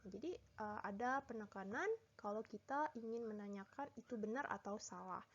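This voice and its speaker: A woman's voice: mid-range voice, moderate pace, slightly rough. A woman teacher with an Indonesian accent giving a recorded English lesson, switching between Indonesian and English as she explains step by step. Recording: dull lo-fi sound.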